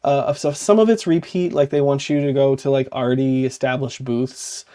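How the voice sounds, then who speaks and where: A man's voice: medium pitch, fairly even intonation, moderate pace, warm tone. A man co-hosting a podcast in a casual, chatty way. He rambles, fills his talk with "like" and often corrects himself mid-sentence. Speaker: podcast co-host.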